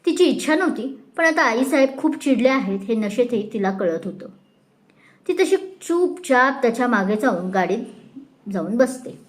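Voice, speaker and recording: Brief: woman storyteller, expressive narration, fairly high voice. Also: moderate pace. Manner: expressive, dramatic reading.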